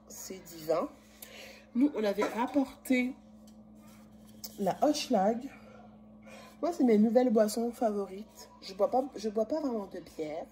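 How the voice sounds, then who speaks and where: A woman's voice: mid-range voice, dark tone, a little hiss or hum. A woman vlogger with a Quebec French accent, short of breath and coughing, chatting casually and rambling to a phone camera propped in a chalet kitchen. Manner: rambling, chatty, many fillers. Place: kitchen of a rented chalet, indoors. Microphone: phone camera propped in a cupboard.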